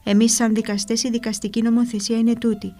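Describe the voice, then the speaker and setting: A woman narrating a religious book in a calm, measured, reverent reading. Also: a little high. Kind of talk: devotional reading over soft guitar. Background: soft guitar music.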